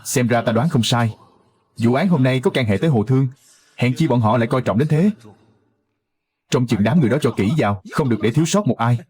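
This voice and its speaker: A man narrating and voicing a detective's inner thoughts in a dubbed drama recap, measured and wry. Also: medium pitch, animated, darkish tone, husky.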